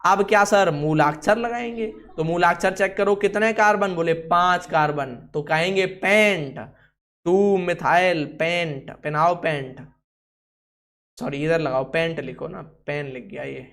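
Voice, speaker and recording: A man's voice: fairly high pitch, a little slow, fairly bright tone. A man teaching a chemistry class, asking the students questions and answering them himself, and telling someone else what to write on the board. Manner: instructs someone writing on the board. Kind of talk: classroom lesson.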